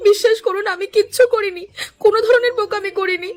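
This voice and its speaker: A woman's voice: very high-pitched, steady tone, quick pace. A woman voicing a timid young daughter-in-law in a cartoon, crying and pleading to be believed. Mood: tearful. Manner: pleading, tearful. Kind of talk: cartoon dubbing.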